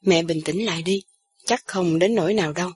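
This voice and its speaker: A woman voicing a young man, a steady son who speaks reassuringly. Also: on the low side, brisk, husky. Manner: reassuring, firm.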